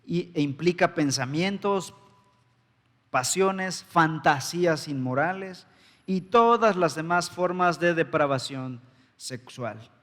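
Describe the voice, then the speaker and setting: In a church sanctuary with long hall reverb, a male pastor preaches an emphatic sermon, throwing rhetorical questions at his congregation. His voice is slightly high for a man and a bit bright, and he takes it slowly.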